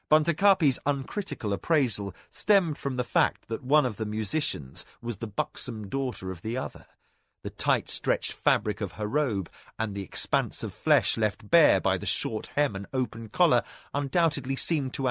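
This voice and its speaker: A man narrating a fantasy novel as an audiobook, in a measured, expressive way. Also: mid-range voice, no room sound, clean studio sound.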